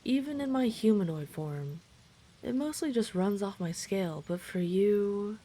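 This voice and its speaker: A woman takes on the role of a gentle dragon friend for an intimate audio drama, her mid-range voice animated yet unhurried. She sounds caring and reassuring, with a slight hesitancy.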